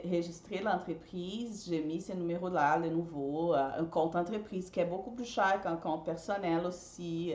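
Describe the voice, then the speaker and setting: A woman's voice: lowish voice, reverberant. A woman who is not a native French speaker gives casual advice straight to her viewers, often repeating herself. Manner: chatty, repeats herself, addresses viewers directly. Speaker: party decorator and business coach.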